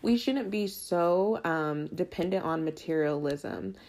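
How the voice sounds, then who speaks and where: A woman's voice: fairly low pitch, slow pace. A woman talking straight to the camera in a casual, emphatic opinion monologue, full of fillers. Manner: animated, emphatic, lots of fillers. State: has the hiccups.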